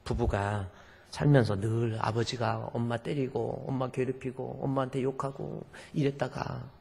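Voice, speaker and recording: A male pastor preaching a sermon, acting out quoted voices dramatically and swinging between shouts and hushed whispers. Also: mid-range voice, steady tone, normal speed, creaky, breathy edge, long reverb tail. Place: church sanctuary.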